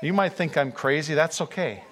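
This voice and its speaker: Man, pastor, sermon, high voice, earnest, fervent. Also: normal speed, background noise. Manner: earnest, rising to fervent emphasis.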